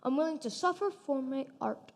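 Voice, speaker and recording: A woman's voice: sits high, lively intonation, fairly quick. A woman playing a theatrical wolf who suffers from asthma, with a plummy old-fashioned manner, in a stage play. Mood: grandiose. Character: theatrical asthmatic wolf actor, grandly polite. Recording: stage in a reverberant hall.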